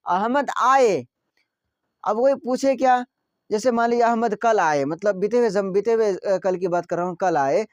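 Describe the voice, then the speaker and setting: A man's voice: high voice, darkish tone, dry recording. A man teaching a grammar class, repeating each point and quizzing his listeners with questions. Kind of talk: classroom lesson explaining grammar. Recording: dry, dull lo-fi sound.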